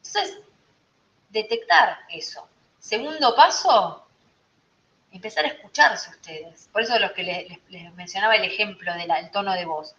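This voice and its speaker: A woman's voice: mid-range voice, animated, unhurried, a bit bright. Rioplatense woman, astrology teacher, chatty lesson style that keeps checking in with the group; echoey room. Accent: Rioplatense Spanish. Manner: conversational, checks in with listeners often. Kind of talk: informal teaching talk to a group. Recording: roomy, slightly dull recording.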